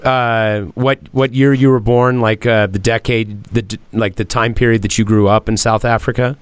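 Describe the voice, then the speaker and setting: A man's voice: medium pitch, fairly even intonation, normal speed, clear, resonant tone, no room sound. A man hosting a podcast in a casual, profane way, often repeating words as he gathers his thoughts. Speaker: podcast host. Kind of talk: casual chat.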